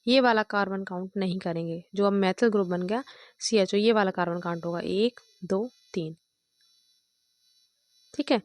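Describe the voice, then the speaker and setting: A woman explaining chemistry to her students speaks at medium pitch and normal speed, leaving long pauses, with no room sound. She works step by step, counting aloud and checking in frequently with "thik hai" and "dekho".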